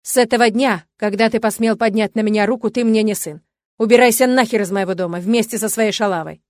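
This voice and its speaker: A woman voicing a cruel, contemptuous middle-aged father who shouts and sneers insults. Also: fairly high pitch, fast, no room sound, studio quality, close to an everyday voice. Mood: raging.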